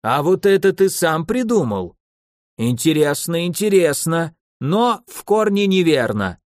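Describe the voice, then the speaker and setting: A man voicing an ancient, irritable archmage who speaks in a slow, drawn-out growl in an audiobook. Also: fairly high pitch, big pitch swings, a little mellow, no echo, clean studio sound, pitched above the performer's own voice. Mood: alarmed. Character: ancient irritable male archmage, stern and grumpy.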